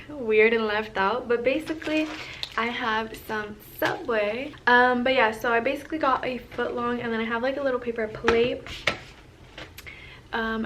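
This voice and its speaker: A woman's voice: a little high, distant mic, noisy background. A woman chatting casually in an eating vlog, loose and full of ums and likes. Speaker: vlogger.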